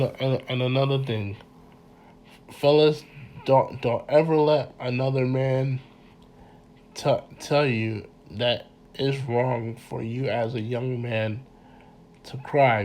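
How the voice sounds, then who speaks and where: A man with a congested voice giving an informal mini lecture, halting and repeating words as he speaks earnestly to his listeners. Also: medium pitch, fairly even intonation, darkish tone, a little hiss or hum. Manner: earnest, addresses listeners directly. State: congested from a cold.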